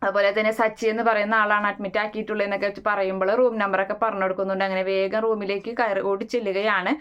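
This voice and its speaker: A woman's voice: mid-range voice, flat delivery, very fast, clear, resonant tone, highs cut off. A woman casually retelling the plot of a TV serial, with many "eh" fillers and restarts. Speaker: serial recap narrator.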